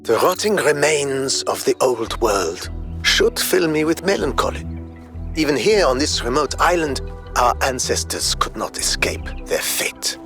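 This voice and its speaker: A man voices a grave, philosophical robot explorer who holds nature in contempt, speaking a measured, eloquent audio log for a game. His pitch sits fairly high, and his mood is indignant.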